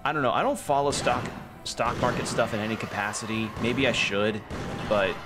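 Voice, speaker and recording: A man's voice: medium pitch, moderate pace. A young man chatting casually while streaming a video game, rambling and often correcting himself, with some swearing. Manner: rambling, self-correcting, profane. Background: game music.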